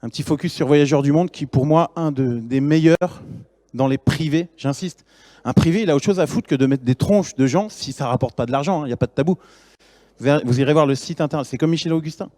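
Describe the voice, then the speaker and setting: A man's voice: a little high, brisk, warm tone, no echo. A man in his thirties, a startup founder giving a casual, slangy conference talk full of fillers and enthusiasm.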